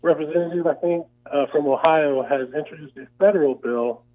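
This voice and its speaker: Phone-in caller, man, somewhat high voice, earnest rambler, tinny phone-line sound. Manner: earnest, rambling with many pauses. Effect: over the phone. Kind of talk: call-in radio chat.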